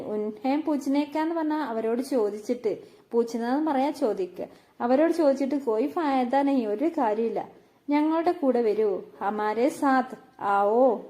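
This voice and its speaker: A woman from teaching spoken Hindi, explaining each phrase and repeating it, slowing down for the Hindi words. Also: high-pitched, warm tone. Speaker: language teacher.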